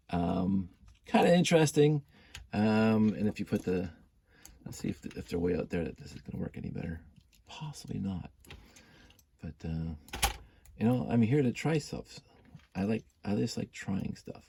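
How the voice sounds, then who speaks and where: The voice is low, creaky, warm and husky, belonging to a hobbyist builder with a stuffy cold. He rambles and hums while he works, muttering self-deprecating remarks as he thinks out loud.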